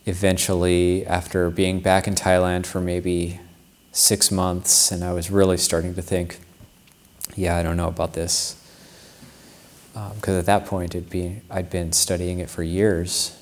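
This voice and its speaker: This Buddhist monk's Dharma talk centres on a personal story, told reflectively and without hurry. His voice is low and his delivery completely flat, with frequent restarts along the way.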